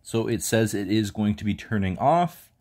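Man, tutorial host, casual step-by-step walkthrough, somewhat low voice, handheld phone recording. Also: normal speed. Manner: relaxed step-by-step instructions. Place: indoors, filming over a bed.

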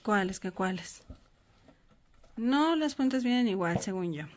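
A woman's voice: mid-range voice, expressive, measured pace, a loud crowd. A woman, hosting a casual family vlog at home as a mother, patiently walking her children through each step. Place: home bedroom.

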